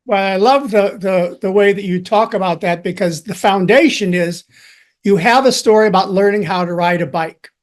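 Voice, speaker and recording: A man from Chicago hosting a podcast interview, talking in an enthusiastic, reflective way with thoughtful pauses. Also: sits high. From Chicago, USA. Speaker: podcast host. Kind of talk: conversational interview.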